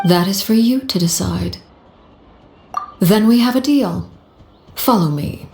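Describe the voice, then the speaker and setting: An actress playing a cold, calculating, commanding woman in a video game, speaking in a measured, imperious, formal way. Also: mid-range voice, creaky, warm tone, echoey room, faint music behind. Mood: cool negotiating. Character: Arlecchino, cold, commanding woman, calculating Harbinger and orphanage head.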